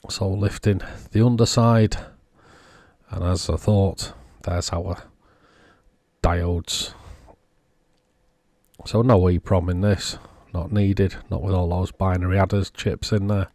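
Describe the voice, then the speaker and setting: A man giving casual, unhurried technical commentary, thinking aloud as he inspects a circuit board. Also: sits low, fairly even intonation, warm tone, no room sound. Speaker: electronics repair vlogger.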